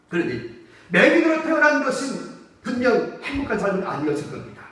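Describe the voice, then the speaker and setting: Male pastor with a high, animated delivery; keeps asking his congregation questions; heard from a distance in a very reverberant church. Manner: emphatic preaching with rhetorical questions to the congregation. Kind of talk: sermon. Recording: echoey church hall from far off.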